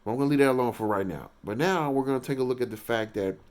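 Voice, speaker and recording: A man giving casual, rambling commentary on a TV episode, halting and restarting his sentences and getting excited at big moments. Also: mid-range voice. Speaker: reaction video host.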